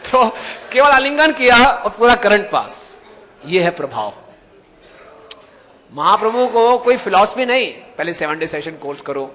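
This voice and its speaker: Lively high-voiced preacher man. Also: measured pace, in a large hall. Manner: animated storytelling, acts out voices, jokes with listeners. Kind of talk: devotional story talk.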